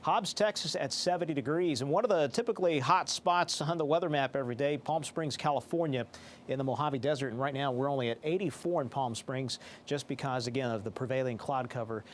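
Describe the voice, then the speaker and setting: A man presents a live television weather forecast, speaking in a formal, explanatory broadcast style full of technical phrasing. His voice is mid-range and brisk, with slight background noise.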